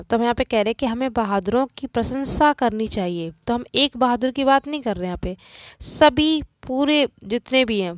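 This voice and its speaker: A woman's voice: mid-range voice, no room sound. Woman teacher explaining grammar step by step. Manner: explains step by step, asks and answers her own questions. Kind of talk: classroom grammar lesson.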